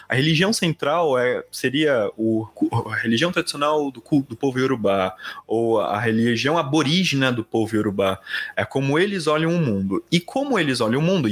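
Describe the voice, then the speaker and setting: A man from São Paulo with a Paulistano accent, speaking as a podcast guest in a reflective, explanatory way. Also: mid-range voice. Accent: Paulistano Brazilian Portuguese. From São Paulo, Brazil. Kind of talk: conversational interview.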